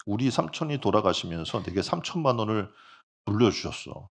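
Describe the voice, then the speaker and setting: A man's voice: fairly low pitch, sing-song, brisk, creaky, husky, exaggerated voice. A man doing a glum, moping grown man. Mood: gloomy.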